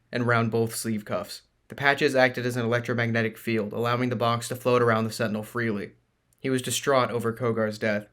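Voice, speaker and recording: A man reads a science-fantasy novel aloud as the narrator, in a steady, plain voice at a middle pitch. His delivery is even and unhurried, like an audiobook chapter.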